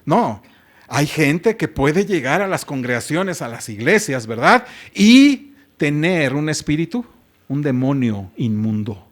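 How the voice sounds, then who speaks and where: A man's voice: fairly high pitch, animated, slow. A man, preaching a sermon as pastor and putting rhetorical questions to the congregation.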